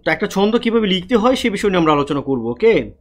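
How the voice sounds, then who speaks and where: Teacher with a higher man's voice. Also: very animated. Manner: repeats questions and answers them himself, spells out syllables slowly. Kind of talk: online lecture on Bengali prosody.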